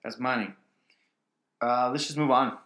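Bright-voiced man joking through fantasy football chat. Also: mid-range voice, steady tone, unhurried. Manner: joking, trails off into asides, quotes stats. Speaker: fantasy football podcast co-host. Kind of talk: casual sports chat.

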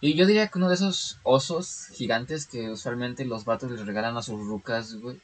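A young man with a Mexican accent in casual chat with friends, slangy and quick, dropping "güey" constantly. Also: mid-range voice. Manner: fast, slangy, peppers speech with "güey".

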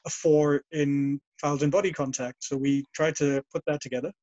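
In a casual interview over a call, an English-speaking male guest rambles about bygone days and keeps correcting himself partway through sentences. His voice is a little high and a little mellow, with flat delivery at a moderate pace. The audio is dull, with no room sound.

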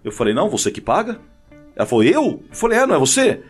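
A man's voice: fast talker, breathy edge, faint music behind. A man, a pastor talking casually and telling stories with lots of energy. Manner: animated storyteller, jumps high when telling a funny story. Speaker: pastor and guest. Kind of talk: casual conversation with anecdotes.

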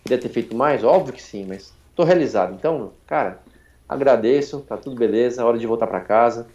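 A Brazilian man in his forties, a former racing driver telling his story as a podcast guest, talking quickly through a nearly closed mouth with little intonation. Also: medium pitch, a little mellow. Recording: dull lo-fi sound.

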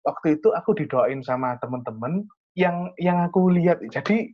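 A man's voice: on the high side, lively intonation, normal speed, highs cut off. A young man with an East Javanese accent tells a personal story in casual chat, earnest and rambling. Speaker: storyteller sharing a testimony.

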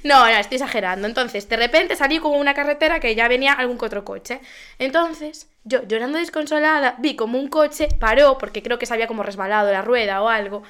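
A young woman tells a story on a casual podcast, her voice high and bright. She is animated, laughs often and exaggerates for comic effect. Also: fast talker, smooth. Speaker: podcast co-host.

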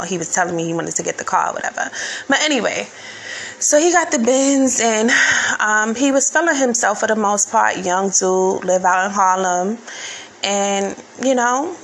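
Woman, 30s, casual storytime, candid, profane, lots of fillers, middle pitch, raspy fry. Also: a bit bright, slight background noise.

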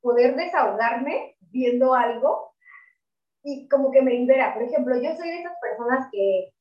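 A woman's voice: high voice, lively intonation, moderate pace. A young Mexican woman co-hosting a podcast, talking in an earnest, reflective way with casual slang. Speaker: podcast co-host. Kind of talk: casual chat. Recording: echoey room, far from mic, dull lo-fi sound.

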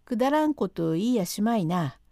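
A stern older master of the house barks short questions, voiced by a woman reader. His voice is pushed lower and gruff, with a mellow, dry storybook sound. He is commanding and impatient. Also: sing-song, moderate pace, dry recording. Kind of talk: reading a classic rakugo transcript aloud.

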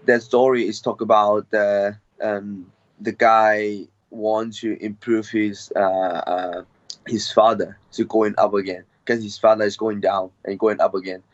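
Young fighter from Hong Kong, Hong Kong accent, halting second-language English, fairly low voice, dull dry recording. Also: male voice, level tone, dry recording. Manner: halting, hesitant non-native English with many fillers. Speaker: MMA fighter guest. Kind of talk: casual interview.

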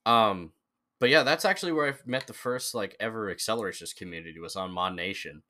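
A man's voice: on the low side, a little fast, sharp tone. A young man in casual conversation as a podcast guest, rambling with lots of fillers and restarts. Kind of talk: casual chat.

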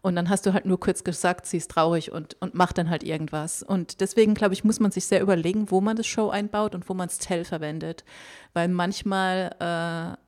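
A woman's voice: on the low side, level tone, normal speed, darkish tone. A woman co-hosting a podcast, explaining her views on writing in a thoughtful, casual way. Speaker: podcast co-host.

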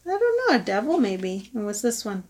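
A woman reading a picture book aloud to her young son, expressive and stopping to ask him questions. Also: fairly high pitch, fairly quick, slight background noise. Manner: expressive, asks the child questions.

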